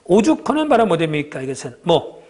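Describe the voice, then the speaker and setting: A middle-aged man teaching an exam review lecture, who keeps asking the class quick check-in questions and answering them himself. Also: fairly high pitch, big pitch swings, a little mellow. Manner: asks constant rhetorical check-ins.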